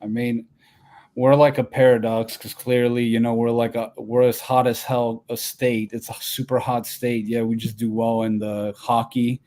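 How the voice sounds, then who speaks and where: A man's voice: mid-range voice, flat delivery, moderate pace, dark tone. A man from Albania co-hosting a sports call-in show, chatting casually with many fillers and restarts. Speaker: co-host.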